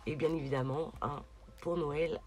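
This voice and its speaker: Her voice deep, steady, and a little mellow at normal speed, a woman presents craft purchases in a casual video, often stalling to find the right word. Crinkling and rustling packaging create noticeable background noise.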